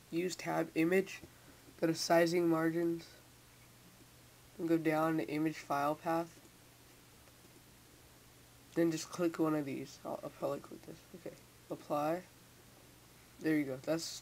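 A young teen with a mid-pitched voice talks through a casual, unscripted computer tutorial. The speech is halting and repetitive, a little impeded by a sore, braced mouth. A faint hiss sits behind the home-mic recording. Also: a little mellow. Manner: halting, repeats words. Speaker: software tutorial maker. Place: indoors at a computer. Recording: hissy, noisy home microphone.

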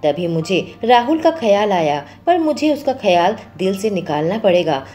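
A woman reading a first-person story aloud as the channel's storyteller, with expressive delivery. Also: moderate pace, soft background music. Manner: expressive, voices quoted lines with lifted pitch.

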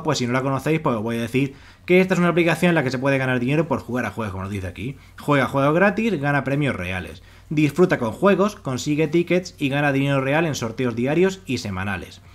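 A man with a Spain Spanish accent talking viewers through money-making apps over a screen recording, repeating himself and filling pauses with "pues" and "o sea". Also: mid-range voice. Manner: fast, repetitive, filler-heavy explaining. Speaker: online money-making video host. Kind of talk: screen-recorded app walkthrough.

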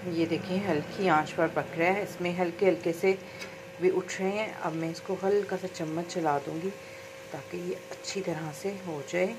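With background noise around her, a salon owner talks through making hair oil at home in her kitchen, cooking-show style, dropping small fillers along the way. Her pitch is fairly low, her intonation fairly even, her pace moderate.

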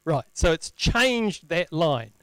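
A man presenting an informal live technical demo, halting as he thinks aloud, with wry, self-deprecating humour. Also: on the high side, big pitch swings, a bit bright, clean tone, no room sound. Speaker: presenter at a tech meetup. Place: indoor lecture room, presenting at a screen. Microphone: handheld microphone.

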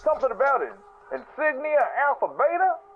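A man leaving a voicemail over a landline phone, rambling excitedly in a play-by-play with exclamations and stammered restarts. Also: extremely high pitch, a little fast, over music. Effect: heard over a landline phone as a played voicemail. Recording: tinny phone line with faint hiss.

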